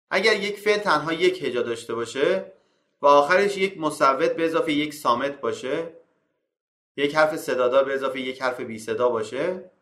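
Man teaching English grammar, lively voice. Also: roomy sound. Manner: reads English rules slowly, then explains them in colloquial Persian; calls out example verbs on a higher note. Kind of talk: slide-based grammar lesson.

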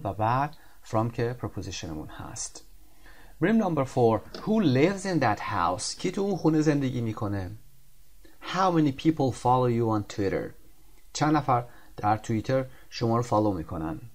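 Male tutor, explaining grammar, slow and deliberate on the example sentences. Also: mid-range voice, a little mellow. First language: Persian. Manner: explains in Persian, reads English examples slowly and carefully. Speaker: English teacher. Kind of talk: recorded grammar lesson.

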